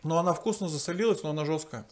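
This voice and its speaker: A man's voice: a little high, rapid-fire, darkish tone, a little hiss or hum. A man hosting a mukbang, chatting casually in a homely, folksy way while talking with his mouth full. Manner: homely, folksy, sprinkled with sayings. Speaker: mukbang host. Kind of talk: casual chat while eating on camera.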